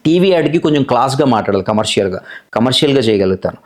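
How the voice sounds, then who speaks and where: A man with a Godavari Telugu accent, a voice-over artist telling his story as a guest in a casual interview, in a brisk, chatty, self-assured way. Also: mid-range voice, lively intonation. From Godavari region, Andhra Pradesh, India.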